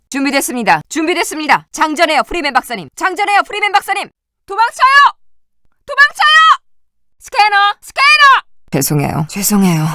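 A woman's voice: mid-range voice, no echo, studio quality, lightly acted. A woman voicing a weary but loyal woman resistance citizen, delivering short, clipped game voice-line barks. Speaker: voice actor.

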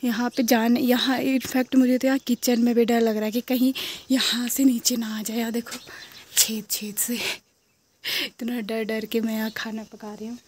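A woman's voice: fairly high pitch, little pitch movement, normal speed, darkish tone. A young woman from Uttarakhand narrating a casual home vlog, chatty and talking to viewers, sometimes whispering. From Uttarakhand, India. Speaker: vlogger.

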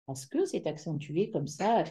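A middle-aged woman giving an academic lecture over a video call, hesitant and often pausing to search for words. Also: lowish voice, big pitch swings, mellow, breathy edge.

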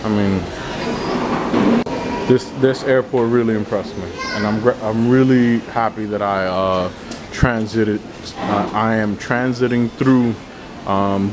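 Guy walking around an airport food court w his camera, kinda low voice, loose chatty rambling, lots of crowd noise behind. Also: measured pace. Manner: relaxed, rambling, repeats words as he talks. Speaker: travel vlogger. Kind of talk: casual walking vlog. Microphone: handheld camera mic while walking. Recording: loud airport ambience under voice. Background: airport hall noise.

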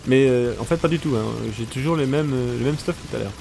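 A man's voice: medium pitch, fast, a little mellow, slight background noise. A man doing casual, joking commentary over his own gameplay, exclaiming at the action and talking to his viewers. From France. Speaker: let's play commentator.

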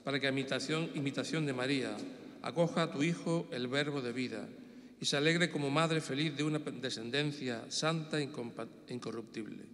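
An older man, a priest, reciting the prayers of the Mass at the altar in a solemn, steady way. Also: mid-range voice, fairly quick. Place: large church, at the altar. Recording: echoey church with long reverb.

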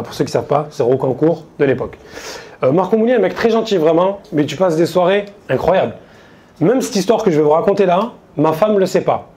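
A comedian on stage, spinning a loose, slangy story for the crowd. His voice sits a little high for a man, yet its tone is mellow and relaxed. He talks to the audience like old friends. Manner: casual slangy storytelling, quoting friends in quick asides. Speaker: stand-up comedian. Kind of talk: stand-up storytelling. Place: stage before a live audience.

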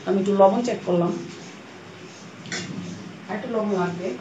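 Hoarse woman chatting through a cooking vlog. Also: mid-range voice, normal speed, lo-fi sound. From Bangladesh. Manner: chatty, explains cooking steps as she goes. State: hoarse from a cold. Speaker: cooking vlogger. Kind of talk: casual cooking vlog narration. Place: home kitchen. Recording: echoey kitchen with frying and rain noise.

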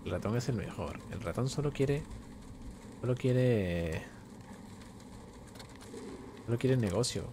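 With an expressive mid-range voice, a young man from Venezuela takes it slowly and pauses often as he streams gameplay from home. He greets viewers warmly, reads chat aloud, and answers questions at his desk microphone, with faint game music against a noisy background.

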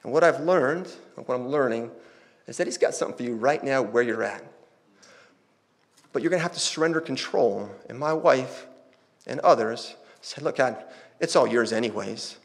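A man's voice: mid-range voice, normal speed, creaky. A pastor in his thirties giving a personal testimony during a sermon, in a conversational, storytelling way that acts out quoted dialogue.

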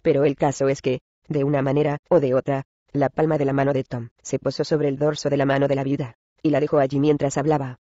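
A man narrating a classic story in Spanish, in measured storytelling style, addressing the listeners as gentlemen. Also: mid-range voice, little pitch movement, dry recording, dull audio. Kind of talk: scripted narration.

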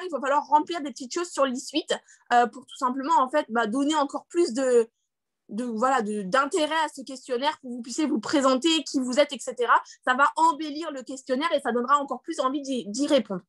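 A network marketing team leader runs a screen-share tutorial on a video call, her high voice bright and forceful in a dry recording. She's chatty, full of fillers and restarts, often checking in with "d'accord?" and laughing self-deprecatingly at her own English.

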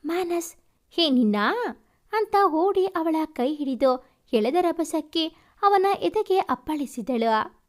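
A woman narrating a romance story in slow, even storytelling, reading the characters' lines herself. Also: very high-pitched.

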